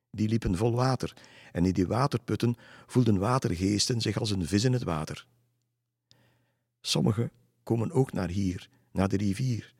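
A man's voice: on the low side, vocal fry, a little mellow, breathy edge, dry recording, clean studio sound, heavily acted. A man voicing a lonely middle-aged ferryman, telling spooky stories in a chatty way in a storybook reading.

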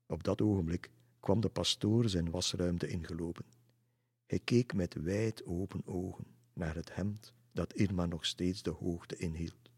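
A man reading a storybook aloud in a calm, even manner. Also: low-pitched, a little slow, husky. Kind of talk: storybook narration.

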